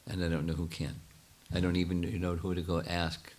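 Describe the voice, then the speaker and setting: An older man, a spiritual teacher, answering questions in a lecture with a halting, thinking-aloud manner full of restarts. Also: sits low, flat delivery, a little mellow, a little hiss or hum.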